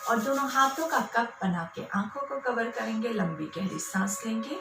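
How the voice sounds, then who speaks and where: A woman yoga instructor leading a guided breathing class, calmly counting each breath in and out. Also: fairly high pitch, creaky. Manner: calm slow counting of breaths, mixing Hindi and English. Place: care center hall. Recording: roomy, from far off, with music.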